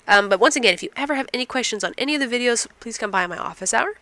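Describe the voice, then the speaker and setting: A woman instructor, getting over a cold, walks through math step by step in a recorded lecture, answering the questions she raises herself. She races along in a fairly high, expressive voice with a sharp tone, and there is no echo.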